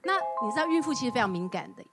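Fast-talking woman telling an animated story. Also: sits high. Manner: animated storyteller who acts out quoted dialogue; mixes English words into her speech. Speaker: talk show guest. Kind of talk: casual chat, personal storytelling. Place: TV studio. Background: background music.

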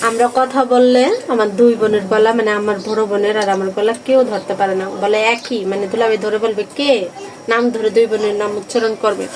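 Woman, gentle step-by-step cooking talk, kitchen recording with loud sizzle. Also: medium pitch, flat delivery, fast talker, a little hiss or hum, low-quality recording. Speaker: vlogger's sister, cook. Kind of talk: casual cooking explanation. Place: home kitchen.

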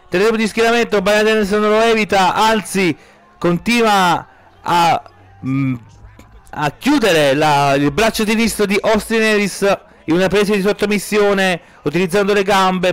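An Italian man giving excited live play-by-play wrestling commentary as a commentator, urgent and exclamatory, stretching out stressed words. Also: sits high, smooth. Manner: urgent, exclamatory, drawn-out stressed words, rising to shouts at key moments.

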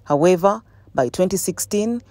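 A woman with a Ugandan accent reading a scripted news report in a measured, formal way. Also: on the low side, expressive, dark tone, dry recording. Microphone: studio voice-over.

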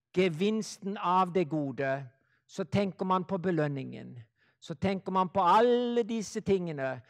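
A man preaching a sermon to a live audience. He speaks slowly and deliberately, repeats phrases for effect, and sometimes drops to a hush. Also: high voice.

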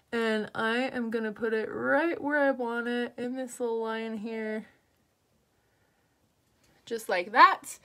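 A woman's voice: on the high side, fairly bright tone. A woman talking through a makeup tutorial in a chatty, upbeat way, with lots of fillers as she works. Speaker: makeup artist.

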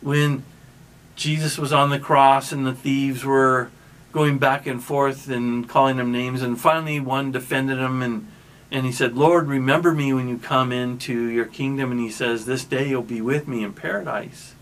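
A pastor delivers his sermon in an unhurried, conversational way, as if telling a story to friends. His voice sits at an ordinary middle pitch for a man, and he often restarts his sentences and pauses mid-thought. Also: fairly even intonation, fairly bright tone.

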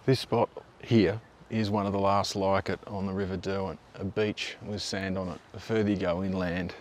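Aussie guy in his 30s chatting outdoors, low voice, faint outdoor hiss, laid back. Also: normal speed. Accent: Australian. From Tasmania, Australia. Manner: relaxed, conversational, offhand asides. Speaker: local history video host. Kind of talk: casual on-location presenting. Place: outdoors by a river and on park paths.

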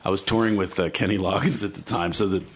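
A man who is a guest comedian on a podcast, recorded in a home basement, telling stories in a lively, self-mocking way. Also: low voice, fast talker. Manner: animated storyteller, self-mocking. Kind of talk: casual storytelling.

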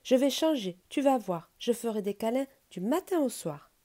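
A woman's voice: fairly high pitch, animated, moderate pace, mellow, lightly acted. A woman voicing a once-rude male bear who now earnestly promises to be kind. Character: reformed gruff male bear, now eager.

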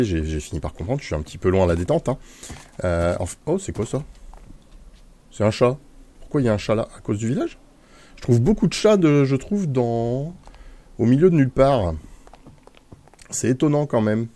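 A man's voice: on the low side, dark tone. A man casually commenting on his gameplay, chatting to his in-game mount with many hesitations. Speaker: Let's Play gamer.

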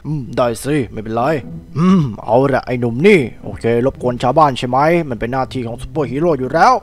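A man's voice: mid-range voice, quick pace, slight background noise, close to an everyday voice. A man voicing a cocky adult male superhero who boasts and grunts with strain, over game music. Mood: confident.

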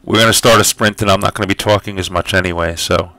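Deep gravelly-voiced man chatting on stream. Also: steady tone, quick pace, pushed and bright, dry recording. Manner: chatty, checks audio with viewers, frequent fillers. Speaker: livestream host running a writing sprint. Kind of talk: casual livestream chat.

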